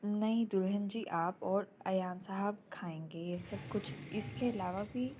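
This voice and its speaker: A woman's voice: medium pitch, mellow, slight background noise, natural voice. A woman playing a devoted, motherly old servant woman. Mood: kindly. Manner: polite, deferential. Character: older female family servant, devoted and motherly.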